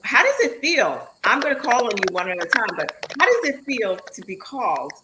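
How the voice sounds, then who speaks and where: A woman's voice: on the high side, very animated, normal speed, noisy background. A woman hosting an online interview show, upbeat and encouraging with her guests. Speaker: host.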